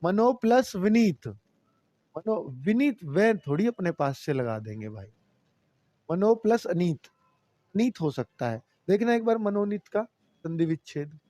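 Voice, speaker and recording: A man's voice: high voice, big pitch swings, measured pace, dark tone, no echo. A man teaching Hindi grammar in a live online class, patiently repeating rules and addressing students as children.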